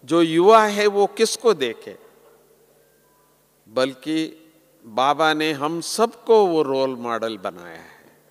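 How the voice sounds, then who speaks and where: A man giving a sermon to a large gathering as a spiritual teacher, slow and earnest, letting his voice fall softly at the ends of phrases. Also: a little high, sing-song. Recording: long hall reverb.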